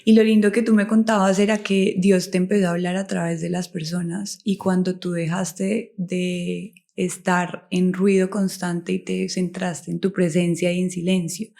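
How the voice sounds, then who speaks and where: A woman hosting a podcast, calmly asking her guest questions. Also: fairly low pitch, normal speed, creaky, few pauses. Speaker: podcast host. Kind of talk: interview questions.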